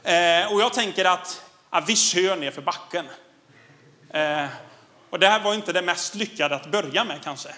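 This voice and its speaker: A man in his thirties, a pastor giving a sermon before a congregation, telling a personal story in an animated way and often laughing. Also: sits high.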